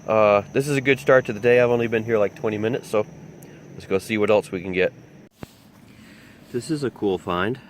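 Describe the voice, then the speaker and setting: A man's voice: lowish voice, fairly quick, pauses often, slight background noise. A man vlogging his metal detecting finds, chatting casually and thinking aloud as he digs outdoors in a muddy field. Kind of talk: casual outdoor narration while digging.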